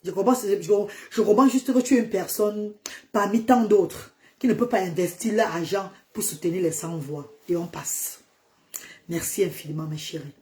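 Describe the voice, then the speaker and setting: A woman's voice: medium pitch, normal speed, darkish tone. A woman who runs a charity, talking defiantly to critics on a live social media stream, stressing her points and slipping into English phrases. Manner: defiant, emphatic, slips into English. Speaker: charity founder on a livestream.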